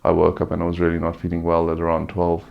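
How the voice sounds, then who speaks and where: A man giving a casual, unscripted personal update, sounding subdued and halting, weary and sore-throated after surgery, with a gravelly voice. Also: deep voice, completely flat delivery, muffled recording. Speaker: vlogger giving a recovery update.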